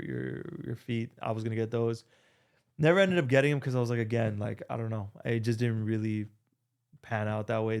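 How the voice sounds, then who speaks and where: A man's voice: mid-range voice, vocal fry. A young man, rambling through a casual vlog with lots of fillers and restarts, into a desk microphone. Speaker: vlogger.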